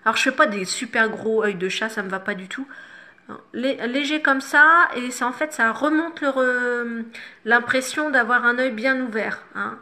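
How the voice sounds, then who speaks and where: Bright-voiced woman giving a makeup tutorial. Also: a little high, moderate pace. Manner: chatty and instructive, self-mocking asides. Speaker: makeup vlogger.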